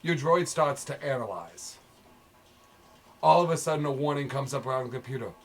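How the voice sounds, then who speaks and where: A man running a sci-fi tabletop game as game master, narrating scenes in a descriptive way with frequent "uh" and "um" pauses. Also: mid-range voice.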